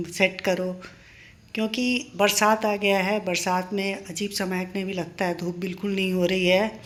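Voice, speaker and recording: Chatty older woman vlogging at home. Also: mid-range voice. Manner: chatty, reminiscing, encouraging. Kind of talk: casual home vlog chat. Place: home in a paying-guest house.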